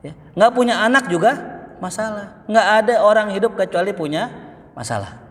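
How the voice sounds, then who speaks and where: Male preacher, high-ish animated delivery, recorded in a reverberant mosque hall. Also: a little fast. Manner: lively storytelling, sweeping pitch swings, colloquial asides to the congregation. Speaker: Islamic preacher. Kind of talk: mosque study-circle sermon.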